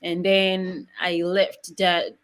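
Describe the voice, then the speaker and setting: A middle-aged woman from Rwanda speaks in a webinar presentation, her voice sitting a little low for a woman. She talks haltingly, often stopping on fillers and repeating words before moving on. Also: flat delivery. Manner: frequent fillers and restarts, halting. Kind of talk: hesitant spoken presentation.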